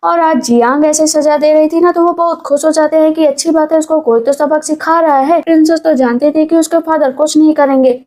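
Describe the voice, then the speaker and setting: A woman's voice: sits high, fairly even intonation, brisk, hardly any pauses, dark tone. A woman narrating a casual recap of a drama's plot, chatty and full of fillers. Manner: chatty, filler-laden retelling.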